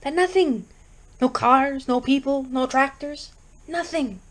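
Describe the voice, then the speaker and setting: A stubborn, short-tempered husband who speaks bluntly and impatiently, read by a woman in her own high voice. He comes across as a storybook character who means what he says. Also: slow. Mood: uneasy.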